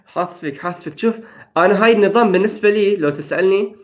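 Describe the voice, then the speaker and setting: A man's voice: sits high, racing. A young man in casual gaming chat, upbeat and enthusiastic, slipping English phrases into his talk. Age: young adult.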